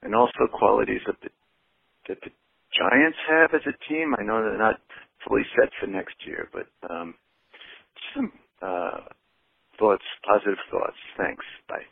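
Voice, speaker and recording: This is a man's voicemail played over a tinny phone line, low and gravelly in tone. He is a caller leaving a question for a sports talk show, speaking in halting phrases. The sound is dry and close. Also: no room sound. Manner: halting, pausing between phrases. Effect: recorded phone voicemail.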